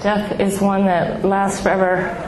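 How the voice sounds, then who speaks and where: In an echoey, noisy room, a middle-aged woman at a grief support gathering recounts her own loss to an audience. She speaks haltingly and from the heart, pausing a great deal. Her mid-range voice barely shifts in pitch and is soft and small, which she describes as baby-like.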